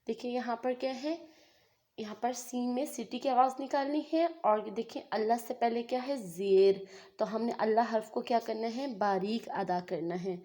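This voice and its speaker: Soft-toned woman teaching slow Quran recitation. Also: a little high. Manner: slow, drawn-out recitation between patient explanations; asks and answers her own questions. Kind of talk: step-by-step tajweed lesson.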